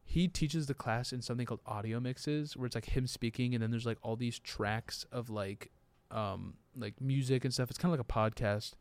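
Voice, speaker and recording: A man's voice: medium pitch, moderate pace, few pauses, dry recording. Young male co-host, rambling casual talker, dry booth sound. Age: young adult. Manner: rambling, laughs easily. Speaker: podcast co-host. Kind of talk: casual chat.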